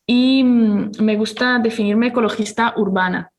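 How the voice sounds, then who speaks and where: A woman's voice: fairly high pitch, fairly even intonation, normal speed. A woman in her forties from Italy, a neighborhood activist speaking as a guest, with frequent fillers and restarts. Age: 40s. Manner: hesitant, many fillers and restarts. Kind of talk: casual interview talk.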